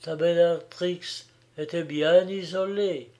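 A man reading an audiobook, voicing a gentle young woman who pleads tenderly and softly. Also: on the high side, steady tone, takes it slowly. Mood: tender, sorrowful.

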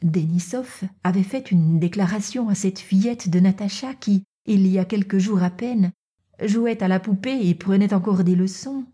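A woman reading a classic novel aloud as an audiobook narrator, softly and at times half-whispered. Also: mid-range voice, normal speed, slightly rough. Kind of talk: scripted narration.

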